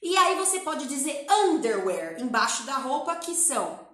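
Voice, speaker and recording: A Brazilian woman teaches an English lesson with energy, drilling words and repeating phrases. Her voice sits high and sounds bright and forward. The room around her rings with a noticeable echo. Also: very animated, normal speed. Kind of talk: lively classroom-style language lesson.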